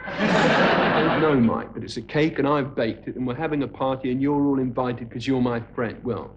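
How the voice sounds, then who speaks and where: A man's voice: medium pitch, moderate pace, dull audio, slight background noise. An actor playing a gloomy, self-pitying young male hippie student, droning and apologetic, heard from a worn VHS tape copy of a TV sitcom. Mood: mopey. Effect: worn VHS tape copy of a TV broadcast. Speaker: sitcom character. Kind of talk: 1980s TV sitcom acting.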